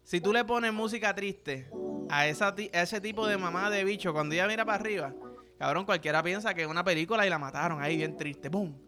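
A young man with a Puerto Rican Spanish accent hosts a podcast, delivering a crude, rambling, joking monologue. His voice is high and brisk, and music plays in the background.

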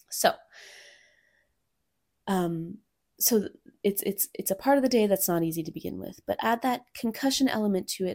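A woman's voice: lowish voice, gravelly. A woman in her thirties hosting a podcast, speaking candidly and reflectively about her own experience, sometimes dropping almost to a whisper. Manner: candid, reflective, softens to near-whispers at times. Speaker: podcast host and coach for mothers. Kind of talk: personal solo podcast talk.

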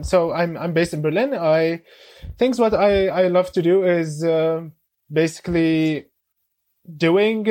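A man in his twenties from Syria, a guest on a podcast, speaking English with many pauses, fillers and restarts. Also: fairly high pitch, a little mellow. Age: 20s. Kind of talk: casual interview.

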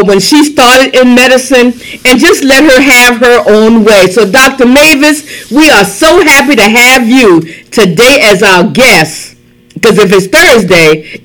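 A woman's voice: a little high, a bit bright. A woman hosting her own podcast who talks in a chatty, enthusiastic way with plenty of fillers. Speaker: podcast host. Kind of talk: podcast talk and interview.

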